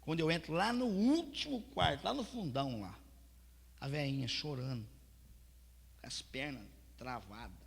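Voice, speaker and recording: A man preaching a sermon as pastor, telling his testimony with fervent storytelling that swings from soft to loud. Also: fairly high pitch, lively intonation, moderate pace, gravelly, breathy edge. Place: church hall. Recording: reverberant church hall.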